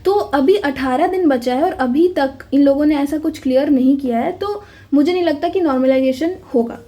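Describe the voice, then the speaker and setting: At a moderate pace, a woman with a high-pitched, dark-toned voice delivers an exam update to her viewers. Her manner is casual and insistent, peppered with "bhai" and check-ins of "theek hai."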